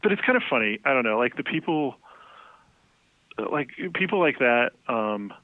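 This music journalist, a man with a mid-range, sing-song voice at normal speed, rambles through interview stories in casual chat, laughing often and using plenty of fillers. The line sounds tinny, like a phone, and dry.

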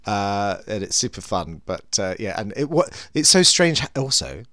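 A man's voice: on the low side, big pitch swings, normal speed, a bit bright, no echo, clean studio sound. A man co-hosting a podcast in a chatty, bantering way, with a theatrical, campy manner. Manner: theatrical, campy, with endearments like darling. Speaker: podcast co-host.

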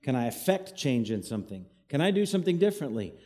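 Very animated and quick-paced, his mellow voice at medium pitch, a man leads an evening sermon as associate pastor in a church hall. The congregation repeats after him in call-and-response, his voice echoing as though in a cave.

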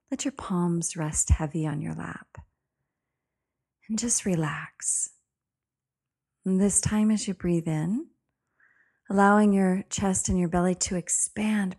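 A middle-aged woman podcast host leading a guided breathing meditation in a calm, meditative, soft and soothing way with slow phrases. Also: lowish voice, breathy edge.

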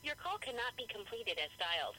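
A woman's recorded phone announcement, played from a phone on speakerphone, in a measured operator delivery. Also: on the high side, big pitch swings, music in the background, rough recording. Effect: heard over a phone on speakerphone. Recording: thin speakerphone audio from off-mic.

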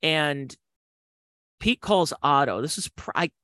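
A man's voice: on the high side, lively intonation, slow pace, bright, forceful tone, dry recording. A man hosting a podcast, telling comedy club stories in a rambling, digressive way with slangy asides. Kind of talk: casual storytelling.

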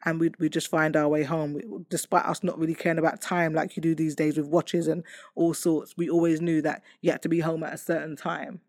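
An adult woman gives a personal testimony, speaking candidly and reflectively with lots of fillers and restarts. Her voice is low and loud, with a level tone and a brisk pace. The recording is dry and studio quality.

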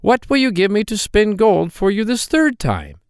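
A man voicing a scheming little male hobgoblin dwarf, high and wheedling in a storybook reading. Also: wildly swooping pitch, normal speed, clean tone, dry recording, studio quality, heavily acted. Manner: high, sing-song, wheedling.

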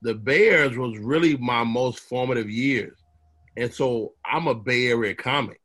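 Speaking at a normal speed in a medium pitch, a male comedian from Chicago tells stories casually. He delivers them with animation, doing impressions of the voices of the people involved.

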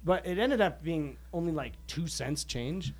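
A man's voice: on the high side, expressive, unhurried, husky. A man telling a rambling, self-mocking story in casual chat with friends.

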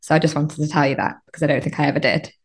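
A woman's voice: sits low, little pitch movement, racing. A woman hosting a podcast, chatting with her guest in a friendly, talkative way with many fillers. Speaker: podcast host. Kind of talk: interview chat.

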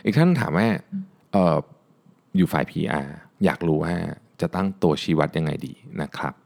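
A man's voice: moderate pace, darkish tone. A middle-aged man hosting a casual question-and-answer show, thinking aloud with many fillers and repeated words. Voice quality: low gravelly voice. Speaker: host answering listener questions. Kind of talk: casual solo Q&A podcast.

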